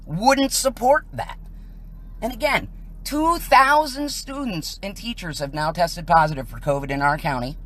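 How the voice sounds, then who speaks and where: Speaking from a vehicle parked on a residential street, this American woman films a protest and narrates it with indignant emphasis, firing off rhetorical questions and pointed statements. Her voice is deep yet fairly bright in tone, and a faint hiss or hum sits under it.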